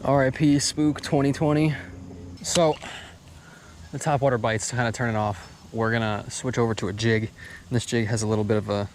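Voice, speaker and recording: A man's voice: mid-range voice, steady tone, normal speed. A man chatting casually in an outdoor fishing vlog, with frat-bro slang and hyped exclamations. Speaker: angler filming a fishing video. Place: outdoors by the water. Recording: outdoor recording with clear background noise.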